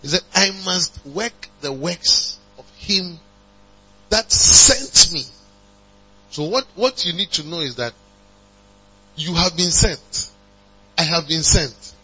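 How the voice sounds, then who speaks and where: A man preaching a sermon, calling on the congregation to respond and building to emphatic high passages. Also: expressive, takes it slowly, pauses often, pushed and bright, husky. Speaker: pastor. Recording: dull lo-fi recording with mains hum.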